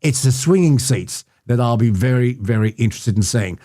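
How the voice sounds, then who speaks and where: A man's voice: mid-range voice, lively intonation, normal speed, dark tone, no room sound, clean studio sound. An Australian man hosting a podcast, chatting wryly about politics in short bursts. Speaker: podcast host. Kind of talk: casual political chat.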